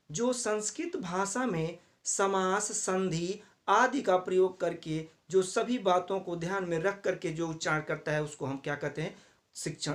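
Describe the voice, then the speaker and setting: A man teaching a lesson to teacher trainees, explaining step by step, repeating key terms and using many fillers. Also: high-pitched. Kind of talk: classroom lecture for teacher trainees.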